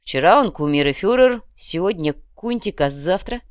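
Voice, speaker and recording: A woman reading as a crude little red-cap gang boss, a creature of a magic underworld, who brags in loud, slangy bursts and never lets a deal go. The voice sits fairly low and comes across dry and close, with no room around it, as an audiobook character voice. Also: lively intonation, normal speed, smooth, no room sound, natural voice. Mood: boastful.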